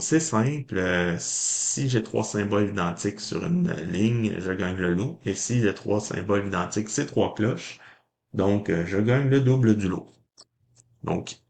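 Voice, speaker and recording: A man's voice: on the low side, gravelly. A man with a Québécois French accent, chatting casually to viewers as he scratches lottery tickets and reads out the symbols and letters. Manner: chatty, addresses viewers as ladies and gentlemen, mild mock drama. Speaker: lottery scratch-card vlogger.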